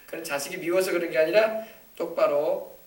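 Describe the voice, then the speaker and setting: A male pastor preaching an emphatic sermon with call-and-response, now and then bursting into loud scolding rebukes. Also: fairly high pitch, a little fast. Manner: emphatic, shouts out scolding rebukes to make a point. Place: church sanctuary. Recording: echoey church hall from a distant mic.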